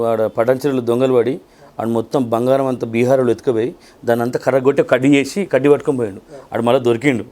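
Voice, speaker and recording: A man in his thirties with a Telangana Telugu accent, an event organizer and mimicry artist answering interview questions in a casual, lively storytelling way. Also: mid-range voice. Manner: lively storytelling with colloquial dialect.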